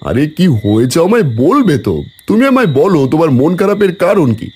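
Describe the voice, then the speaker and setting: A man voicing a soft-hearted young farmer husband in a cartoon, coaxing and reassuring his wife. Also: high-pitched, big pitch swings, brisk, slight background noise. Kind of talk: cartoon voice acting.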